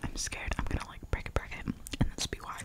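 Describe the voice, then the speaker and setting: A young woman whispers softly and casually in an ASMR eating video, close to the microphone, talking between bites with mouth sounds. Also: fast talker. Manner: soft, breathy whispering. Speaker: ASMR creator. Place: small bedroom, indoors. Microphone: large desk microphone very close to the mouth.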